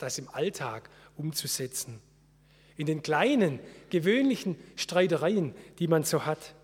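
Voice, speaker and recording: A man giving an earnest, measured sermon as a preacher. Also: a little high, slightly rough, long reverb tail. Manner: earnest, measured preaching with slow solemn quotes.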